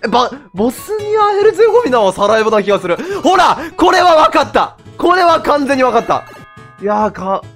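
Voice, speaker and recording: Excitable male game streamer, very high voice, bouncy delivery, background music under him. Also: a little fast. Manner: excitable, laughing, talks to himself. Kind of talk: casual gameplay commentary.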